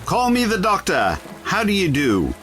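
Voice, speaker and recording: The Doctor, swooping, cheeky adventurer. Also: male voice, high voice, huge pitch swings, normal speed, a bit bright, faint music behind, heavily acted. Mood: cheeky, defiant. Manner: flippant, teasing, theatrical. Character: bold, cheeky, eccentric adventurer, a time traveller. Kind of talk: audio drama acting.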